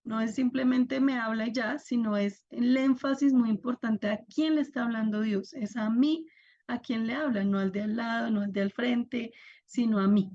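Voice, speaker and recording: A woman's voice: a little high, steady tone, moderate pace, darkish tone, lo-fi sound. A young woman teaching an online class, patiently explaining step by step and asking her students to react.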